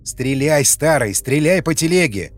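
A man voicing a tough, impatient young male survivor who gives sharp orders. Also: a little high, expressive, a little slow, soft background music. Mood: urgent, brusque. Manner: brusque, commanding.

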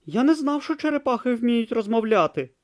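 A man's voice: very high-pitched, very animated, a little fast, a little mellow, no room sound, studio quality, voice pushed up. A man playing a timid, naive young novice monk who speaks earnestly and hesitantly. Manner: earnest, hesitant, wide-eyed.

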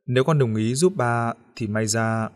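A man reads as a scheming middle-aged father in an audio novel, his voice pitched at an ordinary male middle. He sweet-talks and wheedles, with a low threat never far off. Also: moderate pace, close to an everyday voice. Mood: coaxing. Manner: coaxing and wheedling, turning to harsh threats.

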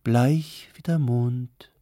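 A man's voice: mid-range voice, fairly even intonation, very slow, warm tone, no room sound, studio quality, pitched above the performer's own voice. A man voicing a gossipy, fawning matchmaker of unclear sex in a storybook reading. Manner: fawning, wheedling.

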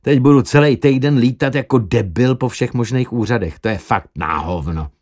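A man's voice: medium pitch, darkish tone, close to an everyday voice. A man voicing a brash, crude young male doctor who talks in a cheeky, boastful way. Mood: defensive.

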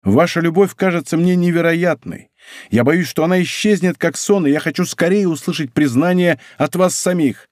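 A man's voice: medium pitch, lively intonation, normal speed, a little mellow, no echo, studio quality, natural voice. A male reader voicing an ardent, impulsive young nobleman who speaks with passion and bursts into exclamations. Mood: passionate.

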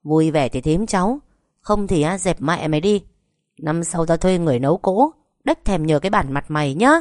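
A woman voicing a hot-tempered older mother-in-law who shouts and curses at her relatives. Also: low-pitched, lively intonation, moderate pace, no echo, studio quality. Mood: furious scolding. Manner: shouting, cursing, bossy.

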